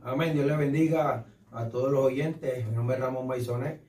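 Brief: male evangelist, dark mellow voice, churchy phrasing, echoey room, distant mic. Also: medium pitch, normal speed, slight background noise. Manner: tag questions, churchly phrasing. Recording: roomy sound, distant mic.

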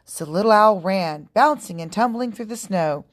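A woman hosting a podcast, reading a children's book aloud in a calm, clear, steady way. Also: mid-range voice, normal speed. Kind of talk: storybook read-aloud narration.

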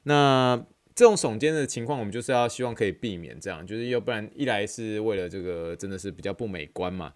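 A man's voice: lowish voice, animated, fast talker. A man with a Taiwanese Mandarin accent hosting a podcast in casual, rambling chat that repeats phrases. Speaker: podcast host.

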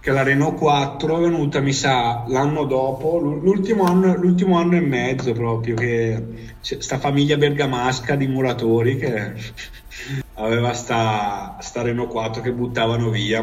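Man, northern Italian accent, mid-pitched voice, casual rambling storyteller who swears freely, recorded at a distance from the mic. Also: normal speed. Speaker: storyteller recalling life abroad.

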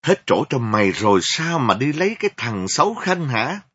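A man voicing a furious mother who shouts harsh insults at her pregnant daughter, on a dull lo-fi recording. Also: mid-range voice, big pitch swings, normal speed, husky, pitched above the performer's own voice. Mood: furious scolding. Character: furious mother of a pregnant young woman, scolding.

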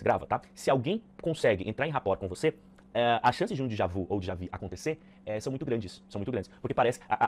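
A man teaching a live online sales class, energetic, repeating key points and checking in with his students. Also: on the low side. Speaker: sales trainer. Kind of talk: live online training talk.

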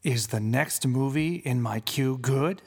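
A man voicing a dramatic movie-trailer announcer, drawn out slowly for a podcast intro. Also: medium pitch, vocal fry, slightly rough, exaggerated voice. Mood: ominous. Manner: slow, drawn-out trailer delivery.

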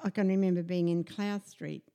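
Gravelly older Australian woman reminiscing. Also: lowish voice, fairly even intonation, moderate pace, dark tone. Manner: rambling, fond recollection with many fillers. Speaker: podcast guest. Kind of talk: casual reminiscing chat.

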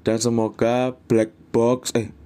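Javanese-accented young man, mellow voice. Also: medium pitch, completely flat delivery, slow, a little hiss or hum. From Indonesia. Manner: rambling, mixes Javanese and English phrases. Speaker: podcast host. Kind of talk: casual solo podcast chat.

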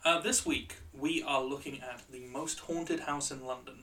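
A man hosting a show as a bright, curious, joking presenter, telling stories in a light-hearted, conversational way. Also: mid-range voice, fairly even intonation, normal speed, far from the mic. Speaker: podcast and radio show host.

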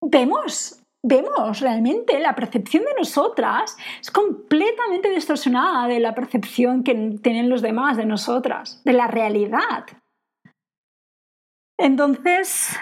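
High-pitched woman from doing a motivational podcast, earnest and encouraging, says things twice. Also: animated, slow pace, breathy edge. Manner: earnest, encouraging, repeats phrases for emphasis. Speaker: podcast host and coach for women entrepreneurs.

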